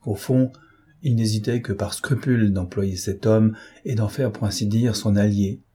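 A man narrating a novel as an audiobook in a measured, literary way. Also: lowish voice, fairly even intonation, warm tone, breathy edge. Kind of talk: scripted storybook narration.

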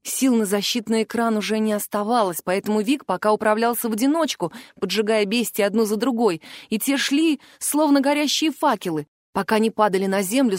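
A woman narrating a first-person fantasy audiobook in an expressive, emotional way. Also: mid-range voice, no echo, clean studio sound.

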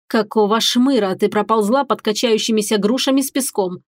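A woman voicing a cruel, sneering female drill instructor in an audiobook, spitting out insults slowly and with contempt. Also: a little high, dry recording, clean studio sound, close to an everyday voice. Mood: contemptuous. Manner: slow, spat-out insults, contemptuous. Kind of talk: audiobook character voice.

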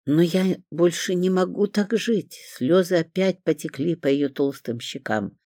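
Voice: mid-range voice, unhurried, mellow, dry recording. Reader doing a plaintive tearful patient woman, childlike, dry close sound. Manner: plaintive, pleading. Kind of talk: audiobook character reading.

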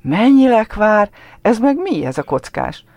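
A man's voice: on the high side, animated, vocal fry, no echo. A man reading a story aloud, voicing a shy, tearful little village boy who talks earnestly in a dialect-tinged, childlike way. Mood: eager. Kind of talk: literary reading.

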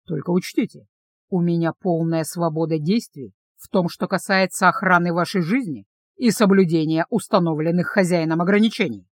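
A cocky, mocking male dragon guard speaks low and unhurried, as a woman narrator puts him on. The voice sits well below her own and stays level and self-satisfied. The recording is close and dry. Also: dry recording, lightly acted. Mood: smug. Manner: low, smug and calm.

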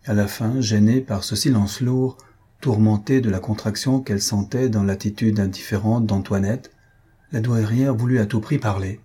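A male audiobook reader narrates a classic novel from a script, keeping his storytelling calm and steady. His voice sits fairly low and has a husky quality.

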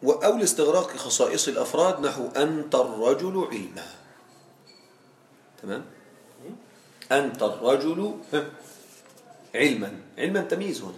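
A man teaching Arabic grammar in a classroom, explaining patiently and often checking that students follow. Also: mid-range voice. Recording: echoey classroom, faint background noise.

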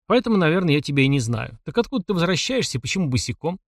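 A man's voice: fairly high pitch, big pitch swings, rapid-fire, no echo, studio quality. A man reading an audiobook and voicing a sly, chatty driver in his thirties who teases and questions. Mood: probing. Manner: chatty, teasing, probing.

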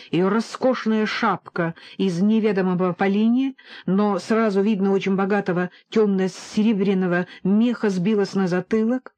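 A woman reading a novel aloud as audiobook narrator, steady and expressive. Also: mid-range voice, dry recording.

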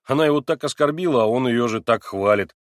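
A man reading a novel aloud and voicing an excitable young man who pleads and defends himself in a raised, plaintive voice. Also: mid-range voice, fast talker, no room sound, clean studio sound, natural voice. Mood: plaintive, insistent. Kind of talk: audiobook character reading.

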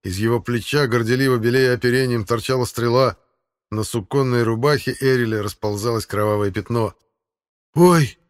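A man reading an audiobook in a steady, measured way. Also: mid-range voice. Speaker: audiobook narrator. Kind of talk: scripted audiobook narration.

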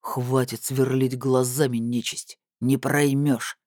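A man voicing a huge, contemptuous male thug in an audiobook, speaking in slow, low, growling threats. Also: lively intonation, no echo, studio quality, lightly acted. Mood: menacing. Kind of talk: audiobook character voice.

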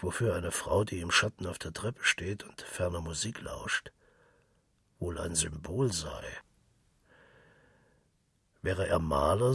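A man narrating a literary story for radio in a calm, measured way. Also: sits low, slightly rough, dry recording.

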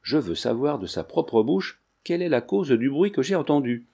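A man's voice: mid-range voice, sing-song, normal speed, vocal fry, warm tone, slightly rough, full character voice. A man voicing a wrathful, tyrannical prince who speaks in a commanding, contemptuous way. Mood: threatening.

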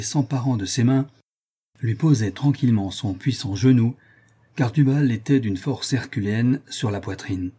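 A man reading a seafaring novel aloud as narrator, measured and steady. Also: lowish voice, husky. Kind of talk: audiobook reading.

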